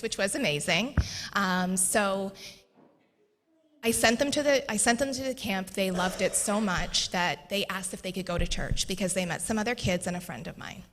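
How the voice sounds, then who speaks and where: A woman sharing a personal faith testimony in a church interview, earnest and animated, laughing often as she tells it. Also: mid-range voice, slight background noise. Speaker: guest sharing her testimony. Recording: long echoey reverb.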